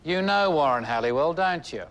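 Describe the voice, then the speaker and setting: Male barrister, formal and precise, slightly high voice. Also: animated, moderate pace, fairly bright tone. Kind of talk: film drama acting.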